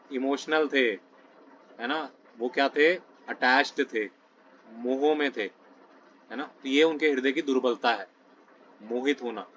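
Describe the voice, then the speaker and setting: A man's voice: fairly high pitch, a bit bright. Man teaching scripture, chatty and conversational. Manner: conversational, keeps asking "है ना" between phrases. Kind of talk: explaining scripture to a study group. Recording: dull lo-fi sound with faint noise.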